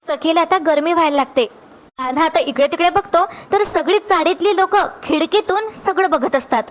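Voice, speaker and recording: A woman with a high voice recapping a TV serial episode. She tells it like a lively storyteller and keeps turning to her friends to say what happens next. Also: normal speed.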